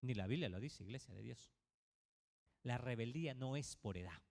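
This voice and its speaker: A man's voice: medium pitch, expressive, moderate pace, creaky, a little mellow, slight background noise. A male pastor preaching a sermon to his congregation, asking many rhetorical questions. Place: church. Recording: reverberant church hall.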